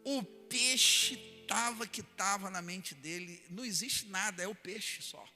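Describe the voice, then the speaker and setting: A man with a Brazilian Portuguese accent, a pastor preaching a sermon in a church hall and acting out everyday examples with lively energy. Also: high-pitched, unhurried, soft background music.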